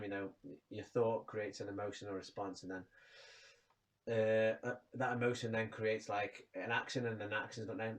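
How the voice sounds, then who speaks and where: Bloke ranting to camera, loose and frank, sounds a bit distant from the mic. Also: male voice, medium pitch. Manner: rambling, frank, swears casually. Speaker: vlogger. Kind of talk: casual personal rant to camera.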